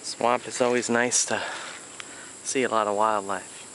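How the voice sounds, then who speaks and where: The audio is poor in this casual hike vlog, where an unseen man speaks on the low side with fairly even intonation and a fairly bright tone, taking his time. He films his own walk through a Florida swamp on a handheld or body camera, chatting about plants and wildlife with frequent ums and uhs while insects and crickets fill the outdoor soundscape.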